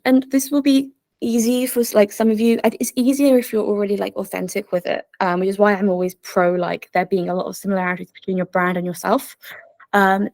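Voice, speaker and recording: A woman's voice: mid-range voice, no room sound. A young woman presenting an online workshop in a bubbly, chatty way, full of fillers. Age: young adult. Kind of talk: casual online workshop talk.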